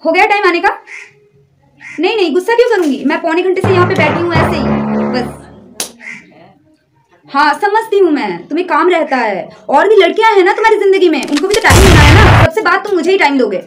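A woman's voice: extremely high pitch, animated, fairly quick. A young woman performing a one-sided comedy sketch, playing a suspicious girlfriend who scolds, nags and pleads with an unseen boyfriend. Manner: nagging, suspicious, switching between scolding and pleading. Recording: loud background music.

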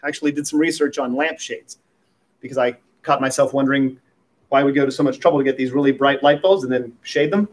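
A man's voice: mid-range voice, fairly even intonation, quick pace. A man preaching a sermon at a pulpit microphone as pastor, talking in a conversational way with light humorous asides.

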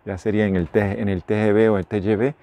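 This is a middle-aged man from Puerto Rico with a Puerto Rican accent, vlogging casually into his phone at arm's length inside a small motorhome room. He talks fast in a lowish, mellow voice with little pitch movement, rambling and fixing his own words as he goes.

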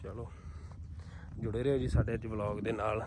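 A man's voice: fairly low pitch, level tone, normal speed. A man with a Punjabi accent in a casual, folksy farm vlog, chatting and calling out to workers in colloquial speech. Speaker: farm vlogger. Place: outdoors in farm fields beside a running harvester. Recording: loud machinery and vehicle noise outdoors.

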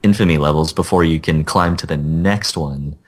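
A man's voice: a bass voice, moderate pace. A man hosting a podcast in casual chat, opening the show in an upbeat, announcer-like way. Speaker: podcast host.

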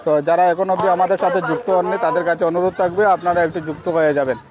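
High-pitched Sylheti-accented male football commentator. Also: steady tone, racing, muffled recording, a crowd in the background. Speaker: live-stream football commentator. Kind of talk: live football commentary mixed with casual chat to viewers. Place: outdoors by a roadside at a football ground.

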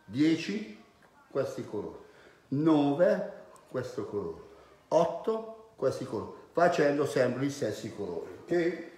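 A man, a hairdresser giving a casual, halting live demonstration in his salon. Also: mid-range voice, very animated, a little mellow. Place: indoor hair salon. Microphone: phone held a short distance away. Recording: very echoey salon, faint background noise.

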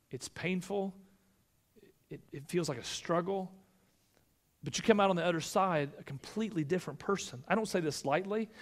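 A male pastor giving an earnest, measured sermon in church, with occasional restarts. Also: on the high side.

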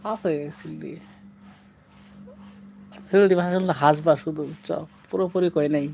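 Streamer type: high-pitched man, chatty, fields viewer comments live, faint hum behind. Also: fairly even intonation, measured pace, creaky, darkish tone, dull audio. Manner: playfully slips into dialect phrases. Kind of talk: casual live-stream chat.

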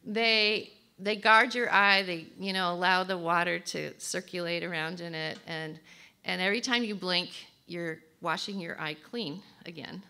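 A woman delivering a sermon at a slow, unhurried pace. Her voice is bright and forceful, and she keeps checking in with the room as she teaches. She reads passages softly when she quotes. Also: on the low side, steady tone. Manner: slow, warm teaching with audience prompts; reads song lyrics softly. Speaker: speaker at a women's conference.

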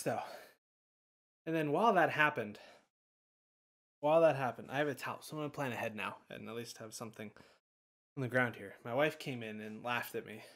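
A man filming a casual home vlog, excitable and bursting into loud disbelief. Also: mid-range voice. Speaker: video creator.

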